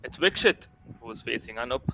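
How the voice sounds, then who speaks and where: A man's voice: mid-range voice, animated, brisk, gravelly, pushed and bright, a little hiss or hum. A man with an Indian accent giving live cricket commentary in formal, announcer-like phrasing.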